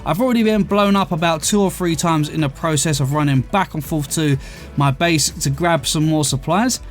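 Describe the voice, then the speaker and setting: A man's voice: on the high side, moderate pace, faint music behind. A man with a slight lisp, chatting casually to viewers as host of a game let's play. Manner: chatty, keeps addressing viewers as guys. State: slight lisp from a tongue ulcer.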